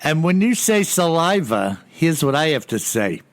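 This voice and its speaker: A man's voice: on the high side, very animated, moderate pace. An American man co-hosting a casual podcast, laid-back, answering with short agreements and dry jokes. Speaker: podcast co-host.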